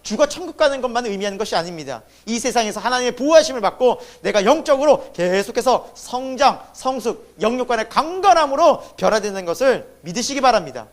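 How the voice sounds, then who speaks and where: A man preaching a sermon as pastor. He asks the congregation questions and answers them himself, and his voice swings between loud emphasis and sudden hushed drops. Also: extremely high pitch, big pitch swings, fast, hardly any pauses. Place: church sanctuary.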